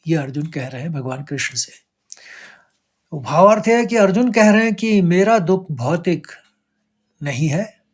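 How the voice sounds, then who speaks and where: A man teaching recitation, chanting verses slowly and breaking words into stressed syllables, then explaining quickly. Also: on the high side, expressive.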